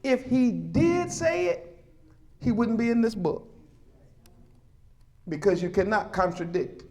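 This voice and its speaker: High-voiced emphatic male preacher. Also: lively intonation, takes it slowly, darkish tone. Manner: emphatic, calls for talk-back from congregation. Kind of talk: sermon.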